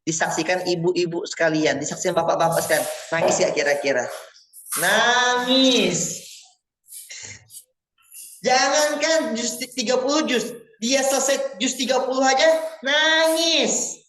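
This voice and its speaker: A man preaching in a mosque, animated and full of rhetorical questions, calling on listeners by name. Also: very high voice, moderate pace, slight background noise, rough recording. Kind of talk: Islamic study sermon on parenting.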